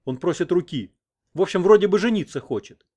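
A man voicing a pompous middle-aged village head who barks orders loudly. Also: sits high, animated, a little fast, pitched above the performer's own voice. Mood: bossy. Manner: bossy, loud.

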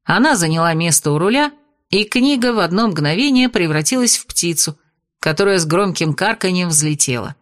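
A woman reading fiction aloud in a lively, dramatic narrating manner. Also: lowish voice, normal speed. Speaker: audiobook narrator.

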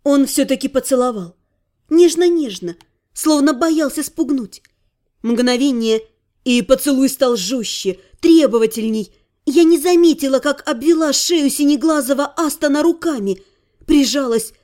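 A woman's voice: high-pitched, a little slow, dark tone. A woman narrating a first-person story as an audiobook, reading expressively with emotion.

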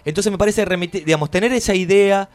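Halting Argentine man, slightly high voice. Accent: Argentine Spanish. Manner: halting, many restarts and fillers, thoughtful. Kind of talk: radio conversation.

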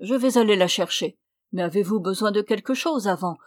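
A woman's voice: medium pitch, fairly quick, lightly acted. A woman voicing a devoted lord of a castle who speaks anxiously and earnestly to his wife. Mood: worried.

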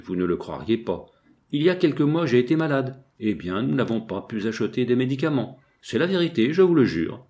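A man's voice: on the low side, dark tone, lightly acted. A man reading a French novel aloud, voicing a poor clerk's desperate wife who begs through tears. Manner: tearful imploring. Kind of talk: audiobook character reading.

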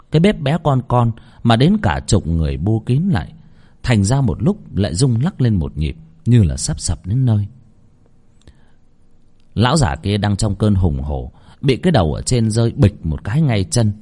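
A male storyteller narrates a horror tale in a hushed, suspenseful way. His voice is husky and mellow. His pitch swings widely.

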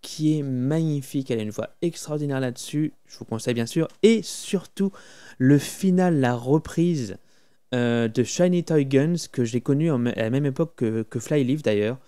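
A man's voice: medium pitch, moderate pace, warm tone, clear, resonant tone. A man co-hosting a casual podcast about film music, talking with enthusiasm and humming tunes now and then. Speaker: podcast co-host.

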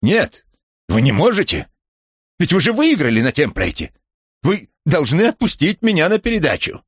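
A man's voice: sing-song, fairly quick, breathy edge, no room sound, studio quality, heavily acted. A man voicing a panicking, asthmatic male TV presenter who gasps out frantic threats in an audiobook. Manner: shrill, frantic, breathless threats. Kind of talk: audiobook character voice.

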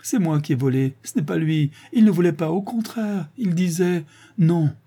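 A man voicing an eager, tearful young farm girl in an audiobook, with a high pleading voice. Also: moderate pace, dark tone, slightly rough, natural voice. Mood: sobbing, pleading.

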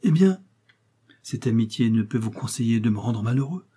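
A man reading aloud, voicing a young lovesick chevalier who pleads earnestly and softly. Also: animated, normal speed, husky. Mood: pleading. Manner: pleading, softer and lower. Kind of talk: audiobook reading.

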